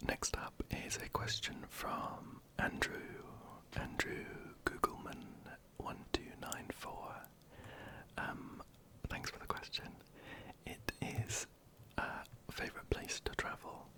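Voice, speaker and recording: An ASMR creator, whispering softly and hesitantly while answering viewer questions into a close microphone. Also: takes it slowly. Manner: soft, hesitant, many ums and restarts.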